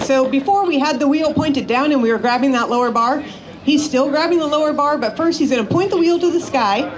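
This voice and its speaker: A woman giving a live instructional demonstration to a group, conversational and checking in with her listeners often. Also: high-pitched. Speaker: motorcycle riding instructor. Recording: clear background noise.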